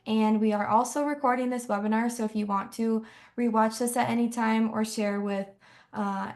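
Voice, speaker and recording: A woman hosting a webinar on a video call, introducing the speaker in a friendly, brisk way. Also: on the high side, darkish tone. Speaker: webinar host.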